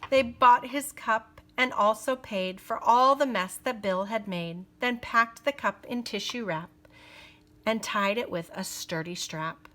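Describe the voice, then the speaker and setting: Her voice on the high side, a woman gives an expressive, deliberate storytelling reading of a children's picture book.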